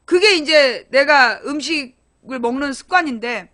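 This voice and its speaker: A middle-aged woman broadcasting to her viewers, chatting casually and telling lively stories about home life, acting out quoted arguments and laughing as she goes. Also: high-pitched, a little slow. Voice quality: chatty, laughing, animated storytelling. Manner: acts out quoted arguments in a raised voice. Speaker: online broadcaster.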